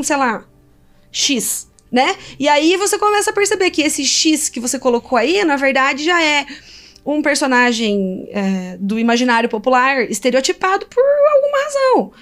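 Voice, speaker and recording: Brazilian woman, high voice, engaged academic guest, rhetorical and animated. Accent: Brazilian Portuguese. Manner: animated, poses rhetorical questions, many fillers. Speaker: linguist guest. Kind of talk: conversational interview answers.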